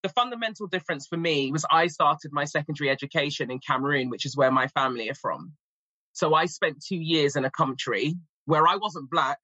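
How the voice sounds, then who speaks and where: A woman's voice: low-pitched, brisk, sharp tone, slightly rough, no echo, dull audio. A woman in her forties with a North London accent, a language teacher talking earnestly in a podcast conversation. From England. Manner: earnest, reflective, emphatic.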